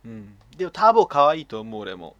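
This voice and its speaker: A man's voice: medium pitch, very animated, quick pace, sharp tone, no echo, dull audio. A man co-hosting a casual podcast chat, reading listener mail aloud and laughing often. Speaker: podcast co-host.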